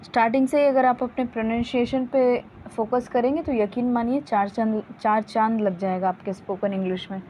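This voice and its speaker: A young woman teaching spoken English, explaining slowly and patiently and drilling example words again and again. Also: on the high side, steady tone, dark tone. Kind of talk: bilingual grammar lesson. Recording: dull lo-fi audio with faint hiss.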